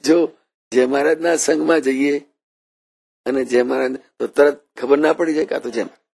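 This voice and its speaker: Gravelly husky male preacher. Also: medium pitch, steady tone, normal speed. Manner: storytelling with quoted voices and Sanskrit verses, dynamic swings in loudness. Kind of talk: devotional sermon.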